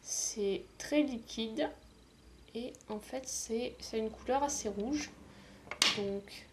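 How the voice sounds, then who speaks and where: A woman's voice: on the high side, takes it slowly, noisy background. A woman from the south of France chatting casually in a beauty haul video, hesitant, with many fillers and restarts. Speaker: beauty vlogger.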